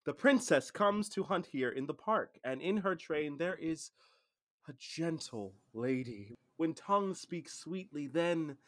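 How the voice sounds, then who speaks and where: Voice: medium pitch, expressive, measured pace, a bit bright. A performer doing a lovesick, self-mocking young lord. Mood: amused, commanding. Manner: laughing, mock-grand declaiming. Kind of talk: Shakespeare stage acting.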